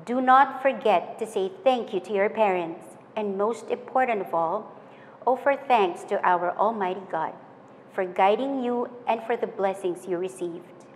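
A young woman giving a formal graduation speech in a measured, earnest way, working through lists item by item. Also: mid-range voice. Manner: measured, earnest, list-like delivery. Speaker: commencement speaker. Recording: hall reverb with faint noise.

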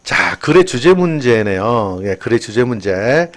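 A man's voice: medium pitch, very animated, a little slow. An older man giving a chatty exam-prep English lesson, drifting into personal asides. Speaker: English teacher.

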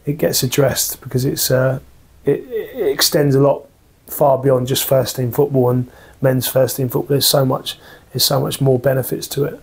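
Gravelly-voiced man, flat and earnest. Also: medium pitch, normal speed. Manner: earnest, full of restarts and fillers. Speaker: football manager. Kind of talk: post-match interview. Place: small office with framed football shirts.

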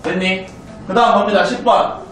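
A South Korean math teacher, his voice high-pitched, steady, and fairly bright, lectures a class and keeps asking students check questions to confirm they follow, staying brisk and chatty. The recording comes from a distant mic in a roomy classroom, with a faint hiss or hum.

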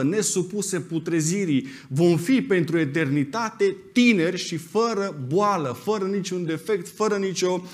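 A man preaching a sermon as pastor, speaking emphatically and turning directly to his congregation. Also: fairly high pitch.

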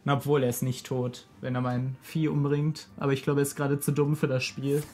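A man's voice: medium pitch, flat delivery, fairly quick, a little mellow. Young man in slangy gaming chat. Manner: slangy, blunt. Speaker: let's play gamer. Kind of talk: casual gameplay chat with a friend. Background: game music.

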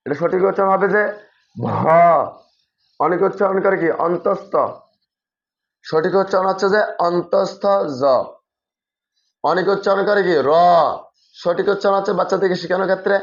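A man's voice: high-pitched, little pitch movement, racing, dull audio. A man teaching Bangla letters, reciting each one and contrasting common wrong pronunciations with the correct ones. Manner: addresses viewers as brother, repetitive teaching phrases. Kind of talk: pronunciation lesson.

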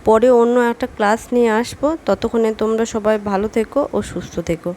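A woman's voice: on the high side, steady tone, fast talker, darkish tone, slight background noise, poor audio. A woman giving a spoken English lesson, patiently drilling word after word. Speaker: English teacher.

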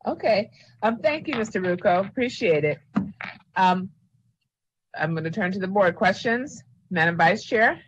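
A woman chairing a public board meeting, calling on members in turn with short, brisk prompts. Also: medium pitch, animated, slightly rough, dry recording, highs cut off.

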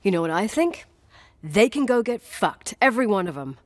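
A woman's voice: medium pitch, sing-song, moderate pace, no room sound, natural voice. An actress playing a blunt, defensive young woman who swears and answers curtly, in video game dialogue. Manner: curt and swearing.

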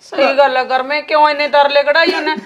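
A woman plays a concerned village relative with a Malwai Punjabi accent. Her voice is very high, and she probes with one question after another. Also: steady tone, fairly quick, a bit bright, muffled recording. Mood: probing. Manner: probing, repeated questions. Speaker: female relative. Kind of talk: web series acting.

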